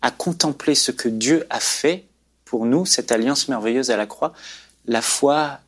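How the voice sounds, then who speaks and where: A man's voice: medium pitch, measured pace. Earnest man sharing a faith testimony. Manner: earnest, preacherly storytelling. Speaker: guest.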